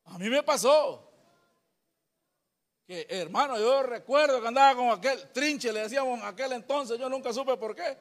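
A man preaching a sermon as pastor, telling lively stories with acted voices and sound effects, calling listeners "brother". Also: very high voice, normal speed, long reverb tail. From Honduras. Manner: folksy, addresses listeners as brother.

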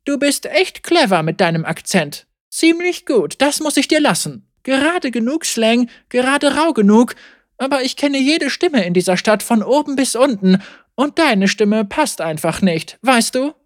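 A stern, cool-headed sheriff woman, read aloud by a female narrator speaks in a calm, mocking, coldly threatening way. Her pitch swings freely as she speaks. It is a storybook reading recorded close and dry. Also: measured pace, dry recording. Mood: accusing.

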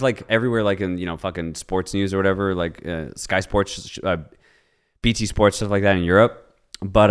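A man co-hosting a casual sports podcast, telling a story with lots of laughs and swearing and acting out what people said. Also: on the low side. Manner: animated storyteller, acts out quotes, laughs often, swears. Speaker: podcast co-host.

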